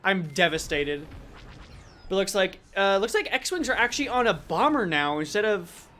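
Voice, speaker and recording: An American esports caster commentating a match, playful and quick to laugh. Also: mid-range voice, animated, bright, forceful tone, a little hiss or hum. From USA. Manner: joking, easily laughing, playful.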